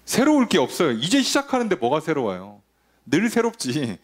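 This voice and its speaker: Preaching on Sunday at a moderate pace, this man has a slightly high voice. His delivery is animated, built on rhetorical questions and brief enactments of quoted figures.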